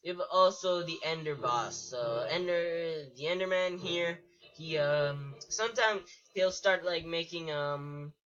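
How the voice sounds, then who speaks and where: Low voice woman co-host, lots of ums, casual gaming chat, muffled audio. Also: slow, a bit bright. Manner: hesitant, filler-heavy. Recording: muffled lo-fi recording.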